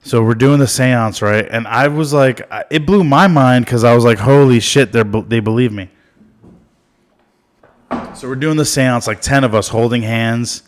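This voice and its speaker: A man talks into a podcast microphone and tells a story in a loose, rambling way. His speech is relaxed and conversational, full of "like" and "dude", and he swears easily. His pitch sits in an ordinary middle range. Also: moderate pace, hardly any pauses. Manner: rambling, animated, swears and laughs while telling stories. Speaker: podcast co-host. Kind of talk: casual storytelling chat. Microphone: studio podcast mic.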